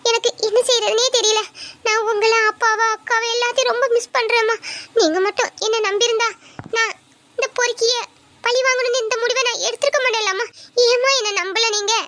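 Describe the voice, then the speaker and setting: A woman's voice: very high-pitched, steady tone, brisk, sharp tone, a little hiss or hum. A woman playing a wailing, bossy new bride in a comic couple sketch. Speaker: new bride in a comedy skit.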